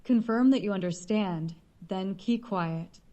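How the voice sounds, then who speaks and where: A woman's voice: mid-range voice, a little slow, dark tone, muffled recording, lightly acted. A woman reading the lines of a cold, demanding businessman, curt and commanding, in an audiobook.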